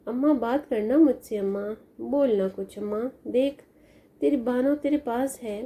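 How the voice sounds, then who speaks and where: A woman voicing a sad, lonely young woman who pleads softly as she grieves for her mother in a storybook tale. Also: fairly high pitch, measured pace. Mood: sorrowful. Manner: plaintive, pleading.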